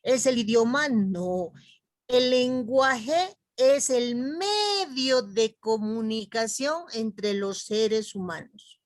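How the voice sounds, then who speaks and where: A woman teaching a class, explaining slowly and warmly addressing her students as young ones. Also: fairly high pitch, no room sound, studio quality. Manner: slow, explanatory, calls students "jovencitos". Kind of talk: online class lecture.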